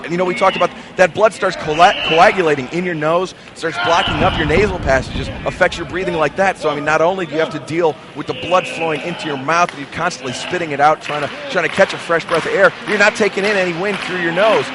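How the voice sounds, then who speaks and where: A man doing live play-by-play wrestling commentary, excitedly calling moves with exclamations and repetition. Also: fairly high pitch, fast talker, hardly any pauses. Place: wrestling event in an armory. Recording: loud crowd noise, echoing sports venue ambience. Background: loud crowd and venue noise.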